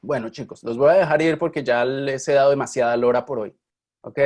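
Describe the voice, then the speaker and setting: Brisk and darkish in tone, a medium-pitched male voice delivers a casual online university lecture. The speaker, a Spanish linguistics teacher, is chatty and checks in with his students through frequent questions.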